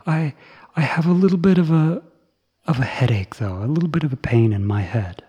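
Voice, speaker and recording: A man voicing a gentle, humble male monk who talks in a mild, halting way. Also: a little high, animated, breathy edge, voice pushed up. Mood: mild, modest.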